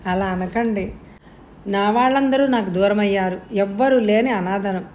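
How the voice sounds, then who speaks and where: A woman's voice: medium pitch, darkish tone, slight background noise, natural voice. A woman voicing an earnest lonely young man. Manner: rushed, heartfelt speech.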